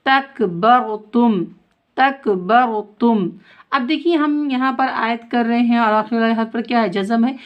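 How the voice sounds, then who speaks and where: A woman teaching a Quran recitation lesson, reciting words slowly and drawn out, then explaining rules briskly and answering her own questions. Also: a little high, fairly even intonation, clean tone, muffled recording.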